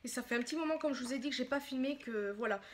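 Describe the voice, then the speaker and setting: Brief: a bubbly woman with a high voice for a casual beauty vlog, gushing and chatty. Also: racing, a little hiss or hum. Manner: excitable, gushing, chatty and apologetic. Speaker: beauty vlogger. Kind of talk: casual makeup haul chat.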